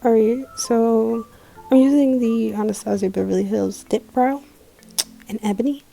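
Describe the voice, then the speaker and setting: Giggly drunk sounding girl doing a makeup tutorial, mellow voice w lots of fry, swears n rambles. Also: on the high side, steady tone, a little slow. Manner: slangy, sweary, self-mocking. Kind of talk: casual makeup tutorial chat. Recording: music playing behind the voice.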